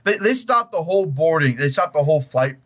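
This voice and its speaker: A young adult man co-hosting a podcast and judging the game, telling a story in a casual, animated, heavily profane way with frequent restarts. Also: on the high side, a little fast, a little hiss or hum. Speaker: podcast co-host and judge.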